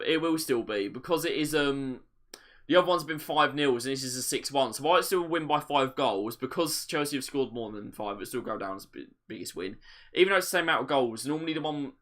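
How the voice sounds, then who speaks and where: A man with a mid-range voice hosts a football watch-along, offering live match commentary and chat. He's excitable enough to yell when goals go in on screen.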